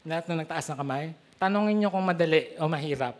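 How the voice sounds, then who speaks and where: A middle-aged man with a Filipino accent, preaching a sermon as pastor with animated storytelling. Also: on the high side, fast. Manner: animated storytelling, switching between Tagalog and English.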